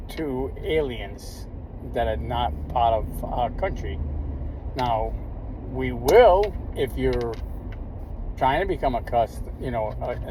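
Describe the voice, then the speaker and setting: An older man from the United States giving a rambling, emphatic opinion monologue, with many fillers and restarts. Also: medium pitch. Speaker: commentator. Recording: clear traffic noise behind.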